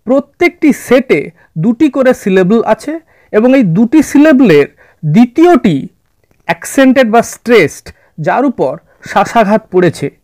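A man narrating a scripted literature lesson in a measured, orderly way, addressing his students. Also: extremely high pitch, very animated, darkish tone, dry recording. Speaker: literature teacher. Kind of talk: scripted explanatory lecture narration.

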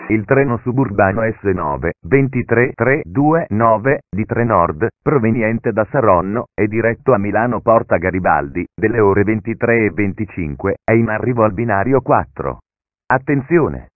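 This is a man's automated train station announcement, delivered in calm, segmented phrases that sound pieced together, with sudden pitch jumps between chunks. The voice sits fairly low. It comes through a narrow, phone-like public address channel with no room sound around it. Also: normal speed, pauses often, no room sound. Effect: announcement heard as a recorded station PA message. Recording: narrow, phone-like, dry PA audio.

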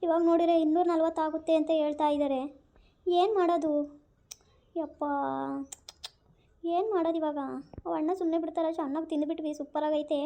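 Casting: woman as a panicky young girl, high quick pleading voice, mellow tone, comic skit. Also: flat delivery. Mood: worried. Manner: fretful pleading. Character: panicked young girl who can't pay.

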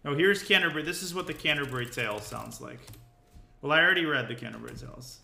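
A man chats casually on a stream and mocks his own efforts. His voice is bright and sharp, and it echoes off the room around him, with faint keyboard clicks in the background. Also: mid-range voice, fast talker, creaky, slight background noise. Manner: self-deprecating, chatty. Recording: roomy echo.

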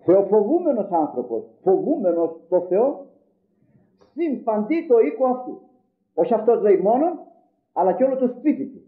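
An older preacher from Greece delivers a sermon, voicing the people in his stories and firing rhetorical questions at his listeners. His voice sits high and swings widely in pitch. It comes through a thin, phone-like old tape recording. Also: big pitch swings. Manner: storytelling, acting out quoted dialogue, rhetorical questions. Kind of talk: sermon with told anecdotes.

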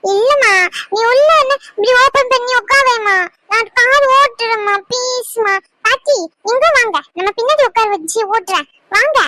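A woman's voice: very high-pitched, moderate pace, sharp tone. A woman voicing a playful little boy in a cartoon, whining and begging his mother. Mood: pleading. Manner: whiny, begging.

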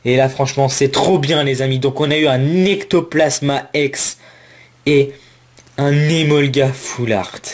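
A man hosts a casual card-opening vlog, listing each card in a running commentary. His voice sits at a middle pitch. He talks with open excitement and addresses his viewers directly as friends. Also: a little slow.

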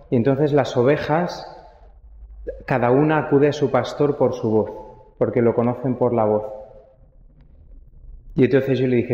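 A young man with a Spanish accent, preaching a sermon as a priest, reflective, with quiet rhetorical asides. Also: mid-range voice. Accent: Spain. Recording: echoey church, long reverb, dull sound.

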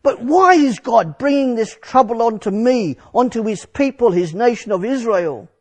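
Aged Moses, gravelly and earnest in tone, recounts his story in a first-person sermon monologue, as a man puts him on. The voice sits fairly high and moves a lot, rising and falling as he goes. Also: lively intonation, normal speed, full character voice. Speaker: preacher.

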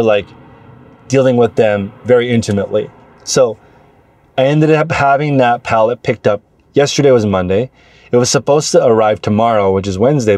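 Clipped to his shirt, a lapel mic captures this reseller vlog host, an American man in his forties, as he casually explains things to camera from inside a parked car, sharing stories along the way. His voice is fairly low and darkish, and the recording is dry and studio quality.

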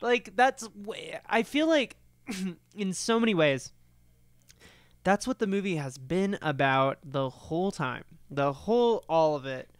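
A man co-hosting a podcast, talking about a film in a rambling, animated, profane way. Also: high voice, unhurried, clear, resonant tone, no room sound, clean studio sound. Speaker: podcast co-host. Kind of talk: casual film discussion.

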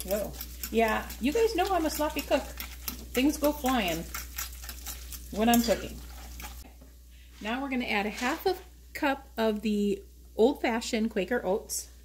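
With a fairly high, animated voice, an American woman talks at a measured pace with long pauses while working in her kitchen. She's hosting a casual home cooking video, recorded on a tripod camera in a noisy home kitchen.

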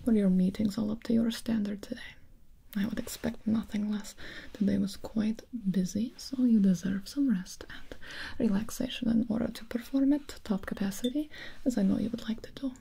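A woman voicing a devoted, formal, protective assistant in a whispered role-play, deferential, measured and precise. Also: mid-range voice, fairly even intonation, vocal fry, mellow, breathy edge, low-quality recording. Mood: deferential, composed.

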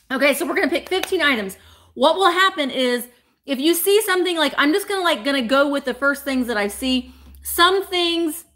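A woman, chatting bubbly and fast to live viewers from a small room at home. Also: sits high, expressive, fairly bright tone. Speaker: vintage reseller host. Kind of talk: casual live-stream chat.

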